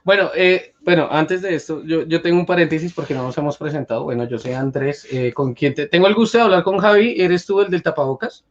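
A man's voice: fairly high pitch, steady tone, brisk, hardly any pauses. A Colombian man hosting a casual chat, joking and teasing with lots of hesitant fillers. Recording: dull lo-fi sound.

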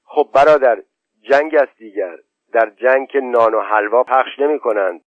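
A man's voice: medium pitch, dry recording, close to an everyday voice. A proud, touchy young chieftain flares up at every slight, his voice climbing as he protests, as an audiobook narrator puts him on. The sound is dry and thin, like a phone line. The voice sits in a middle range. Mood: placating. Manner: indignant, quick to take offense.

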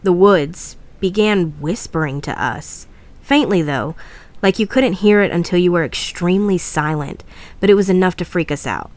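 A woman reads a horror story aloud as podcast host. Her voice is on the low side and she reads in a measured way, slowing down to build suspense. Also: darkish tone.

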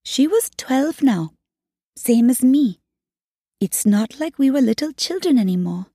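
Woman audiobook narrator, measured reading, higher voice with a husky edge. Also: animated, dark tone, dry recording, clean studio sound.

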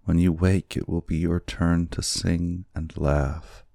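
A man's voice: flat delivery, takes it slowly, creaky, mellow, no echo, clean studio sound, full character voice. A man reading an audiobook, voicing a frightened, desperate young wife in a trembling, raised voice. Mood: mournful. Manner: pleading, trembling, raised pitch.

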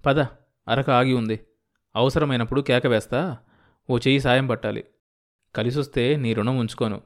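A proud old farmer grandfather, stubborn but tender underneath, as a male narrator plays him. His speech is gruff and folksy, full of village turns. Told as an audiobook story. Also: mid-range voice, fairly even intonation, moderate pace, natural voice. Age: older.

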